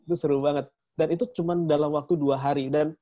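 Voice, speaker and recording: A man's voice: fairly high pitch, fairly even intonation, quick pace. A man co-hosting a casual promotional chat about a training, chatty and laughing often. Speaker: co-host of a training talk. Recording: dull lo-fi sound.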